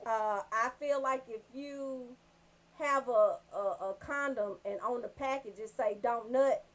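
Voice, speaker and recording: A woman with a fairly high voice hosts a comedy radio show, speaking unhurriedly on a low-quality recording. She delivers raunchy monologue and banter brashly, with animated storytelling and emphatic check-ins.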